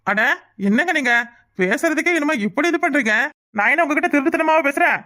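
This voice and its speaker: Cartoon role: cheeky, balding village bachelor with a southern Tamil accent. Pitched a little high and talks fast. Teasing, playful, persistent. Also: female voice, animated, a bit bright. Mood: wooing. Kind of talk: cartoon voice acting.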